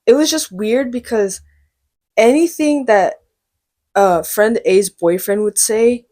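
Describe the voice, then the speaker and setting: Twenty-something woman chatting w her sister, animated, does little voices for the people in her story. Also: on the high side, slow. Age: 20s. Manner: animated storytelling, acts out quotes. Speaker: podcast co-host. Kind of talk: casual chat.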